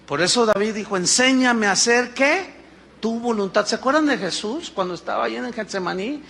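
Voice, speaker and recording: A man, preaching a sermon as pastor. He speaks in an animated way and calls his listeners brothers. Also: high-pitched, fairly quick, vocal fry, husky. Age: 50s.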